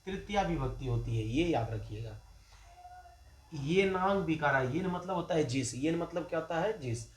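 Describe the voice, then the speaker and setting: A man with a Bihari Hindi accent teaches a grammar class, asking questions and answering them himself. His voice sits a little high for a man. The sound carries the echo of a bare classroom. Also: expressive, moderate pace, a little hiss or hum. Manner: asks students questions and answers them himself, repeats key terms. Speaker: Sanskrit teacher. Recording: echoey classroom.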